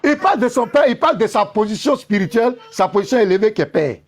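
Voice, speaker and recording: A man with a high-set voice argues in a heated religious debate, pressing his point again and again. He talks over his opponent and keeps telling him to calm down and let him finish. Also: fast, slight background noise. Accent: French-speaking African. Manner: insistent, talks over the other man, repeats himself.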